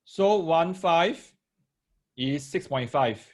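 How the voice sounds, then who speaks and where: A man speaks slowly in a slightly high, expressive and somewhat mellow voice. With a Singaporean accent and Singlish particles, he tutors parents and children in maths during a live online lesson, going through each step, repeating phrases and checking that they follow.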